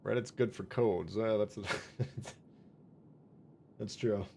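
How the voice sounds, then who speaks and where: A man's voice: on the low side, fairly even intonation, takes it slowly, vocal fry, darkish tone, slight background noise. A man with a Minnesota accent hosting a live game stream, chatting casually, joking and reading viewer comments aloud. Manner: chatty, wisecracking, reads viewer chat aloud. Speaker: livestream gaming host.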